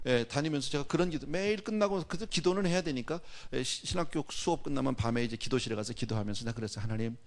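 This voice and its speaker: Male pastor, conversational sermon, slightly high voice, shifts from hushed asides to loud bursts. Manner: conversational, swinging between hushed and loud exclamations; speaks directly to the congregation.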